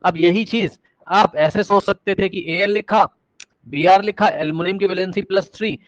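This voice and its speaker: High-voiced man teaching an online class. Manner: energetic, repeats words rapidly to prod students; coaxing questions to the class. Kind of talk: live online class lecture. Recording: dull, dry online-class audio.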